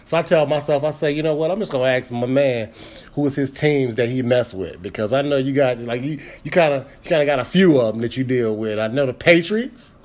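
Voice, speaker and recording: A man's voice: mid-range voice, brisk, a little mellow. A man hosting a casual comedy podcast, talking in a laid-back, slangy way with plenty of fillers. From Midwest US (born Chicago, raised Michigan).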